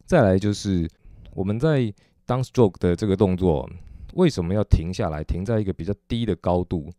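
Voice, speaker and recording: A man with a Taiwanese Mandarin accent gives a drum lesson in a very low, mellow voice. He explains step by step, patient and methodical, often dropping a soft "oh" between points. The sound is close and dry, with no room around it. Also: moderate pace, no room sound. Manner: patient, methodical, frequent "哦" fillers. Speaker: drum teacher. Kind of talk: instructional explanation.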